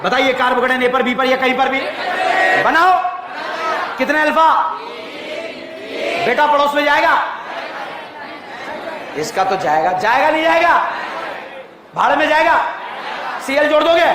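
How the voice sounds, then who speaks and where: A man teaching chemistry to a class, firing rapid repeated questions at students, joking and often calling out loudly. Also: very high-pitched. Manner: jokey, often calls out loudly. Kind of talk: lively classroom lecture. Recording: echoey room with crowd noise.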